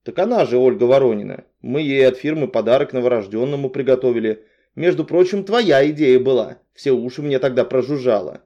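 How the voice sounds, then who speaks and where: A man's voice: medium pitch, dark tone, dull audio, natural voice. A man reading an audiobook, voicing a bossy, hot-tempered young woman who barks at her friend. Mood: angry. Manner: barking, quick to anger. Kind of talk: audiobook character voice.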